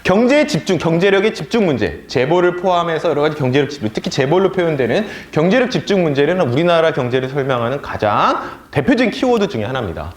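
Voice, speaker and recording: Guy lecturing in an echoey room, voice sits a bit high and swings all over, animated, mocks the other side now and then. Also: fast talker, few pauses. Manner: animated, mocks opponents' talk in a sneering voice. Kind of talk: political education lecture.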